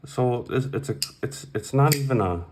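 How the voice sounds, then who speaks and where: A man's voice: medium pitch, lively intonation, moderate pace, noisy background. A man ranting casually on his vlog, blunt and profane, heated and repeating points for emphasis. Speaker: knife collector vlogger. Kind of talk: casual opinionated rant.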